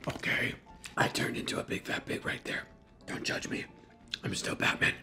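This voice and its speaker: A man reviewing food in a casual, rambling, swearing way while high, talking with his mouth full. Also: normal speed, pushed and bright, soft background music. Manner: stoned, rambling, swearing, self-mocking.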